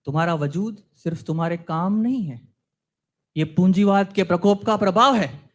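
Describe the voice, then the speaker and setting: A man's voice: sits high, moderate pace, close to an everyday voice. A man playing a talkative young content writer on a date in a scripted comedy sketch, preachy and fawning.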